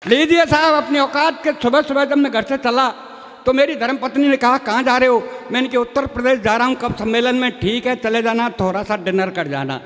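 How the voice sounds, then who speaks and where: Man, high-pitched, folksy comic storyteller, live stage, long reverb. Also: fairly even intonation, a little fast, fairly bright tone. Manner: folksy, plays many characters in dialogue. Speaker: stage comedy poet.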